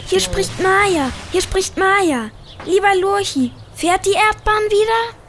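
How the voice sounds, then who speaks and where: A woman voicing a young girl who calls in over a radio link, loud and eager. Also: very high-pitched, takes it slowly, a little hiss or hum, exaggerated voice. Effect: heard over a radio link. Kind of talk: children's radio drama acting.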